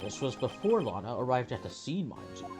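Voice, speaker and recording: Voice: medium pitch, big pitch swings, fairly quick, music in the background, natural voice. A person voicing a scheming, smug old male police chief with an old man voice, in a video game read-aloud. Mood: coolly confessing. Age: older.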